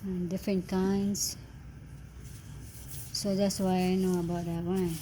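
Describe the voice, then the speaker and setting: A woman chatting casually in a home kitchen as vlog host, asking many questions in halting English. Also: lowish voice, little pitch movement. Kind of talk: casual cooking chat. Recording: noisy kitchen with sizzling.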